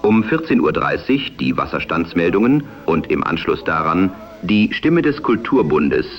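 A man announcing a programme formally and with measured delivery in 1940s AM radio style, with an old radio sound. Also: deep voice, big pitch swings, creaky. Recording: dull band-limited old radio sound. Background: music.

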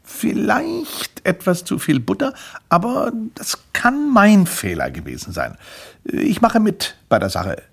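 A man's voice: sits high, wildly swooping pitch, slow pace, creaky, breathy edge, voice pushed up, exaggerated voice. A man voicing a picky grown man who tastes and critiques a slice of toast, in a storybook reading. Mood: chatty fussy. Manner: picky, chatty. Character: fussy grown man customer.

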